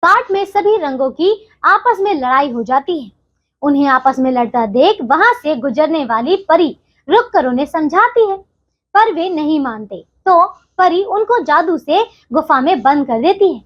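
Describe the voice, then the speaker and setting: A woman's voice: sits high, expressive, measured pace, lo-fi sound. A woman teacher explaining a textbook story to children, checking in with them often.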